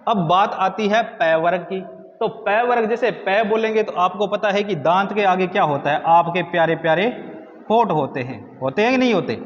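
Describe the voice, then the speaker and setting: High-voiced man teaching in an echoey room. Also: lively intonation, moderate pace, highs cut off. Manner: asks questions and answers them himself. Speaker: Hindi grammar teacher. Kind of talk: exam-prep lesson.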